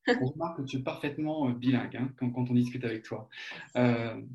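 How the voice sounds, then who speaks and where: Halting interviewer asking questions. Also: mid-range voice, darkish tone, muffled recording. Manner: halting, searching for words. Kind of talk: casual interview.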